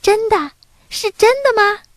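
A woman voicing an eager young boy who calls out loudly in a children's storybook. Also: very high-pitched, unhurried, dry recording, voice pushed up. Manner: shouting eagerly.

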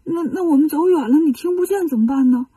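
A woman's voice: sits high, fast talker, warm tone, no room sound, far from the mic, lightly acted. A woman doing frightened pleading monks. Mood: worried pleading. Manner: pleading, worried.

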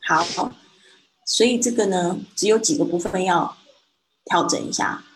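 A Mandarin-speaking woman with a low voice gives a one-on-one English pronunciation lesson. She corrects gently and models each word slowly and clearly. A faint hiss of noise sits under her voice. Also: low-quality recording. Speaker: English teacher.

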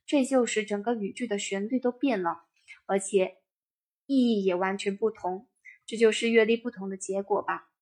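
A woman narrating a first-person memoir in a steady, even reading voice. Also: medium pitch, moderate pace.

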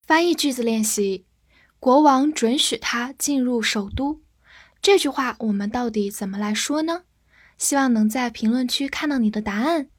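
This English vocabulary lesson comes from a woman with a fairly high voice whose first language is Chinese; she spells out words patiently and leads unhurried read-alongs. The studio-quality audio carries no room sound.

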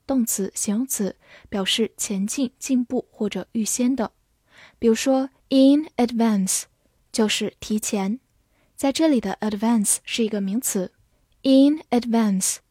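Woman, native Chinese speaker, English vocabulary teacher, scripted lesson, spells words letter by letter, very slow pace, dry close sound. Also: fairly high pitch, darkish tone, husky, no echo. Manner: spells words letter by letter and reads example sentences slowly.

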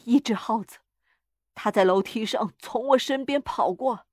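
A woman storyteller plays a frightened old father whose voice trembles as he speaks. Her tone sits a little high for the part. The sound is dry and close to the mic. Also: a little slow, darkish tone, no echo. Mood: shaken. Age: older. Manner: shaky, trembling voice.

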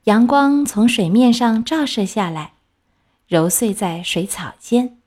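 Slow, expressive woman reading a children's story. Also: a little high. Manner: gentle and expressive.

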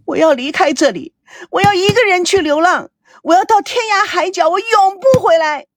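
Woman voicing a shrill, hysterical young woman. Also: moderate pace, no echo. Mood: screaming. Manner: shrill, screaming, frantic. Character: distraught adult daughter, hysterical in hospital.

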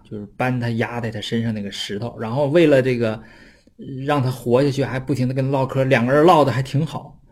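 A man with a slightly husky, mid-pitched voice lecturing informally on ancient texts. He talks in a relaxed, conversational way and keeps turning to his listeners with little tag questions. When he quotes a classical passage, he slows to a measured reading pace. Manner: chatty, often adds tag questions for listeners; slows down to read classical text aloud. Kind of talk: casual explanatory lecture.

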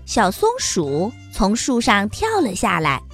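A woman narrating a children's story in a gentle, sing-song storybook manner. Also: mid-range voice, huge pitch swings, slow pace, faint music behind.

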